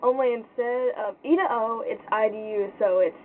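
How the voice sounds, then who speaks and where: A young woman with a fairly high voice gives an informal pronunciation lesson. She speaks casually and haltingly, often thinking aloud and sounding unsure. The sound is thin and phone-like, with faint noise behind her. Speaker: language tutor.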